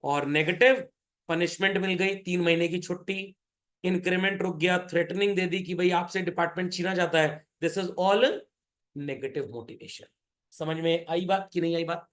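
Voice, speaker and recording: Lively high-voiced male teacher. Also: normal speed. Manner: animated, joking, keeps asking "Is that clear?". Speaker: commerce teacher. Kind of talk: classroom lecture.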